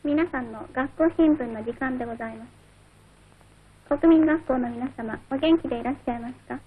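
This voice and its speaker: A woman's voice: sits high, fast talker, a crowd in the background. A woman radio announcer giving a formal children's broadcast with very polite phrasing, heard on an old newsreel recording. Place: broadcast studio. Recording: tinny old newsreel sound with faint hiss.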